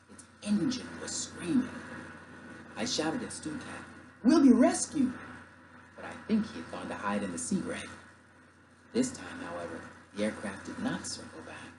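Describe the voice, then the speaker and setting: A man narrating an audiobook with an expressive, dramatic reading. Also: lowish voice, roomy sound, noisy background.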